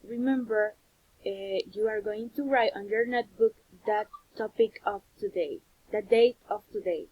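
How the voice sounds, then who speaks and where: A Honduran woman with a Honduran Spanish accent teaches a recorded English lesson, explaining in both English and Spanish. She speaks slowly and patiently, repeating words for learners to copy, in a husky, medium-pitched voice with phone-like audio.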